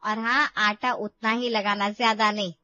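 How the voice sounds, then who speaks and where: A woman's voice: medium pitch, level tone, moderate pace, bright, forceful tone, no room sound, muffled recording, lightly acted. A woman voicing a kind, motherly middle-aged mother-in-law in a cartoon story, speaking soothingly. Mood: calm. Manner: soothing, motherly, calls her daughter-in-law "bahu". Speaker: cartoon character.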